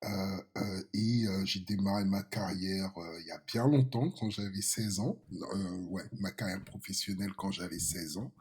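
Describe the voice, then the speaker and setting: Hesitant, husky man in his fifties. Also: fairly low pitch, a little mellow. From France. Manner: hesitant, many fillers and restarts. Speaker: podcast guest. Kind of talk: casual interview talk.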